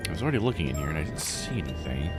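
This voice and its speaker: Racing through his words in a sing-song bass voice, a male game streamer gives casual live commentary while playing, voicing his disbelief as he thinks aloud. Game music plays in the background.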